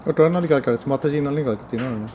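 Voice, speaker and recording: A woman interviewer prompting with short questions and soft "hmm" backchannels. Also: rumbling low, racing, lo-fi sound. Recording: loud crowd noise behind.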